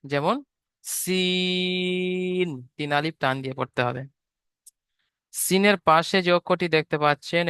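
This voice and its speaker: A man's voice: on the high side, bright, forceful tone, clear, resonant tone, no echo. A man teaching Quran letter sounds patiently, repeating each point and drawing out every sound. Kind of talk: step-by-step online lesson.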